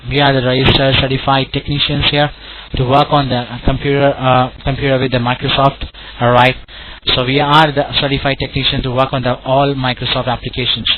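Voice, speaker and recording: A man's voice: medium pitch, little pitch movement, fairly quick. A man with an Indian accent working as a call center tech support agent, talking in a polite, wordy, repetitive way over the phone. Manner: polite, wordy, repetitive, often saying sir and all right. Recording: tinny phone line with clear noise.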